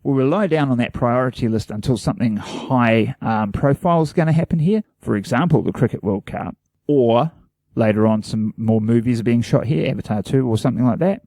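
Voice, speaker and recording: A man's voice: medium pitch, a little fast, dark tone, no echo. Earnest rambling New Zealand podcast man. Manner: earnest, rambling, self-deprecating. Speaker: podcast co-host. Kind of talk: casual chat.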